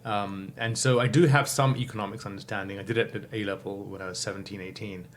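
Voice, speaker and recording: A man's voice: on the low side, fairly even intonation, fast talker, slight background noise. Thoughtful man in his fifties. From England. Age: 50s. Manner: thoughtful, many fillers, self-correcting. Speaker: guest. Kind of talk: reflective interview answers.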